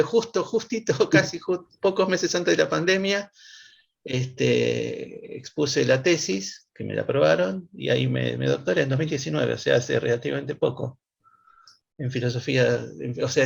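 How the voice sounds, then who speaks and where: A man's voice: medium pitch, gravelly. A man, speaking as an interview guest and explaining his ideas casually, thinking aloud as he goes. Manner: thinks aloud, with restarts and fillers. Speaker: guest, mathematician and philosopher. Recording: lo-fi, dull audio.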